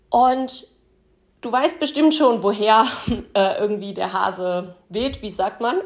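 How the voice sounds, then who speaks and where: Woman, casual spoken lesson, chatty, talks to the listener directly, lots of ums. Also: medium pitch. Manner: chatty, addresses listener directly as "du", many fillers. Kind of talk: spoken lesson with thought experiments.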